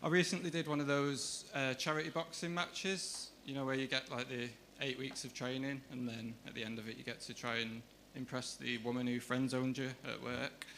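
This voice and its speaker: A man doing deadpan stand-up, pausing and hesitating between lines. His voice sits at a middle pitch. Room noise comes through clearly behind him. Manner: deadpan, hesitant delivery with fillers. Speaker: stand-up comedian. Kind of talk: stand-up comedy. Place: comedy club stage.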